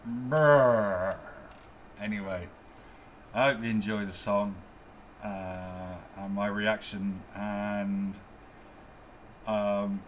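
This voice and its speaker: A man's voice: fairly low pitch, flat delivery, slow, long pauses, slight background noise. An older man giving casual reaction commentary in the sardonic manner of a grumpy old man. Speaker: reaction video host.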